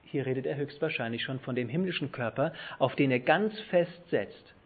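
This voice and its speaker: Husky-voiced German preacher, tinny sound. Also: male voice, medium pitch, moderate pace. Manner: emphatic, rising to loud stress on key words, dropping soft at ends. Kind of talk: sermon with scripture reading.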